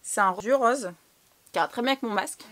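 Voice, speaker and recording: A woman's voice: a little high, brisk, fairly bright tone. Chatty young woman vlogger. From France. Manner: chatty, slangy, swears casually. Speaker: fashion vlogger. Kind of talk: casual haul chat.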